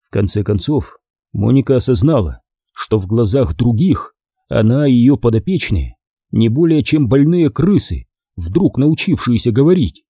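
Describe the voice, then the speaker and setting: Dark, husky male audiobook narrator. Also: mid-range voice, no echo, studio quality. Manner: measured, steady reading. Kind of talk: scripted narration.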